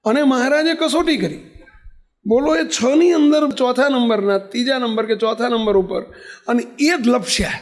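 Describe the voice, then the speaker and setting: A man preaching a sermon as a lively storyteller, often checking in with his listeners. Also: very high voice, moderate pace. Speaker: religious preacher.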